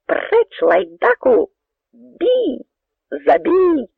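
A man voicing hostile soldiers who yell orders and curses in high, frantic voices. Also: huge pitch swings, extremely slow, vocal fry, no echo, full character voice. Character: panicked hostile soldiers, a shouting crowd of men. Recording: narrow tinny radio recording, dry.

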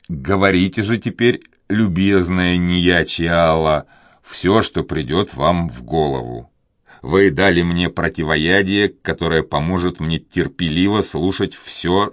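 A man's voice: dry recording, studio quality. A man voicing an impatient young caballero. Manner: urgent, courteous, deep-voiced. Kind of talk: audiobook character reading.

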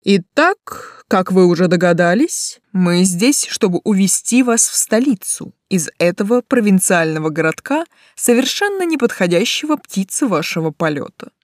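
A woman's voice: mid-range voice, expressive, moderate pace, few pauses, no room sound, studio quality, close to an everyday voice. A woman reading the part of a spiteful, arrogant male count with a snide, clipped manner. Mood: pompous.

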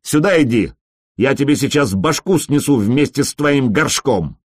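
A man voicing a drunk, brash male warrior who yells crude taunts. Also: mid-range voice, animated, moderate pace, slightly rough, no echo, clean studio sound, voice pushed up. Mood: drunk and jeering.

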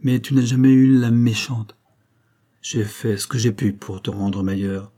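A man's voice: medium pitch, fairly even intonation, unhurried, dark tone, natural voice. A man reading an audiobook voices a dying old female servant who solemnly reproaches the young woman she raised. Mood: stern.

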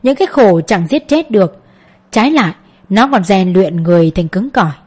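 A woman reading an audiobook, voicing a kindly older male schoolteacher who lectures calmly like a father. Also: mid-range voice, moderate pace, husky. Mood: advising.

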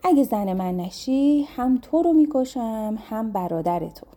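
A woman voicing an ugly yellow male demon in a storybook tale, speaking slowly and threateningly. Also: fairly high pitch, expressive.

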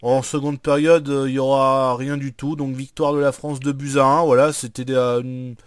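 Halting male podcast host, dry close sound. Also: mid-range voice, flat delivery, clear, resonant tone, no room sound. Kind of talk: casual chat recapping retro football matches.

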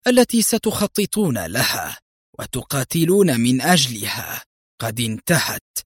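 A man's voice: medium pitch, dry recording, studio quality, close to an everyday voice. A man voicing a ruthless, stubborn male assassin who speaks coldly and harshly in an audiobook story. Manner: cold, harsh, defiant.

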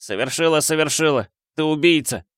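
A man's voice: on the high side, fairly even intonation, a little fast, fairly bright tone, clean tone, dry recording, voice pushed up, lightly acted. Bitter eleven-year-old boy, harsh and accusing, raised voice, dry recording, man voicing.

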